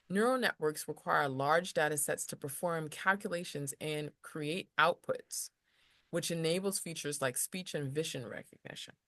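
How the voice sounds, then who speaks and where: A woman's voice: deep voice, fairly bright tone, no room sound. Woman tutoring in a dry close voice. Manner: rambling, restarts, acts out example voices. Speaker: tutor explaining lesson material. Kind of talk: casual explanatory lesson.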